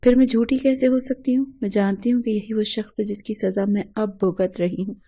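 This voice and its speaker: A woman's voice: mid-range voice, fairly even intonation, mellow, natural voice. A woman voicing a tearful, desperate widowed maid who accuses her employer in a storybook reading. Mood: tearful accusing.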